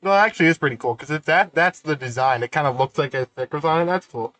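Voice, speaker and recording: A man's voice: on the high side, fast, a bit bright. A young man streaming, reacting to a video with casual swearing and short asides. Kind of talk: reaction commentary.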